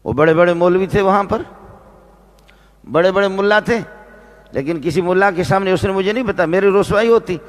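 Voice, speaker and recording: A man preaching a religious sermon, repeating phrases and slowing down to stress key words. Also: high voice. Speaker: Islamic preacher and teacher. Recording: long reverb of a large hall.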